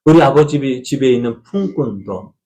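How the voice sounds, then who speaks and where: A male pastor delivering a sermon at a middle pitch. He tells the story in a folksy manner and keeps putting rhetorical questions to the congregation. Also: expressive, normal speed, warm tone.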